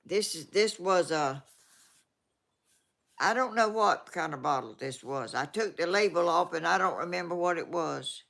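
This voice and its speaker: In a casual, rambling vlog, an eighty-something woman with a Georgia Southern accent reads out viewer comments, drifting off and beginning again. Her voice is lowish, creaky and fairly bright, animated yet measured in pace.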